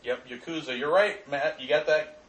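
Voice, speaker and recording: Excitable crude-joking man, echoey room. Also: fairly high pitch, moderate pace. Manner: crude, excitable, swearing jokes. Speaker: commentator. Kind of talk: casual chat watching a video. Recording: echoey room, far from mic.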